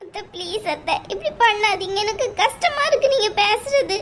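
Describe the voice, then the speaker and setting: A woman's voice: extremely high pitch, animated, moderate pace, fairly bright tone, slight background noise. A woman voicing a young, newly married wife who pleads tearfully with her mother-in-law in an amateur audio drama. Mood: pleading.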